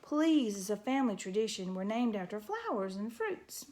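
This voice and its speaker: A woman's voice: medium pitch, very animated, normal speed, darkish tone, close to an everyday voice. A woman voicing a frightened young female deer mouse who pleads and stammers in a storybook reading.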